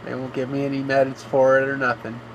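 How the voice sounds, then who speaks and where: A man's voice: mid-range voice, completely flat delivery, fairly quick, muffled recording, a little hiss or hum. Male game streamer, rambling and complaining, mid-range voice. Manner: rambling, complaining, fills with "you know". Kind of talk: live gameplay commentary.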